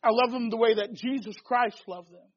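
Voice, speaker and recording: A man's voice: very high-pitched, moderate pace. A man preaching a sermon in a fervent, emphatic way, pushing his points in rising bursts. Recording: dull lo-fi recording.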